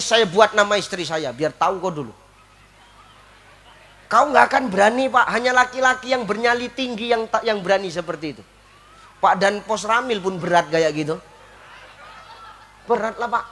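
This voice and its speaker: A man's voice: sits high, moderate pace, pauses often, pushed and bright. A man preaching a comic sermon, joking and acting out little scenes. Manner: joking, switches between Javanese and Indonesian, acts out scenes.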